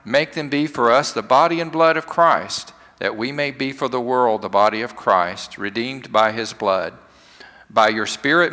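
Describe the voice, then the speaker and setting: A pastor leading a communion liturgy in a measured cadence, his voice echoing through a large worship hall like a cathedral. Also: medium pitch, pushed and bright. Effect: cathedral-like echo. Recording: long reverberant hall echo.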